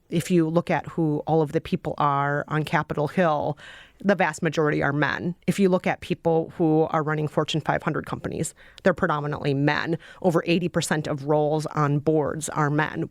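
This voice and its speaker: A woman guest answering interview questions with animated emphasis. Her voice sits somewhat low, and the recording is dry and close. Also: no echo. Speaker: podcast guest.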